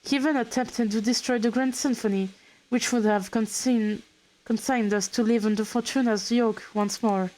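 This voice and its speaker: A woman's voice: fairly high pitch, steady tone, moderate pace, darkish tone, lightly acted, poor audio. A woman reading aloud a scheming ancient male villain who talks in pompous, archaic phrases. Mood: grandiose. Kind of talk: reading game dialogue aloud.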